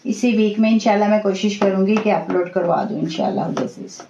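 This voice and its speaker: A woman teaching an online class, reciting each sound slowly and carefully. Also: mid-range voice, steady tone, creaky, noisy background. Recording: echoey dull room audio.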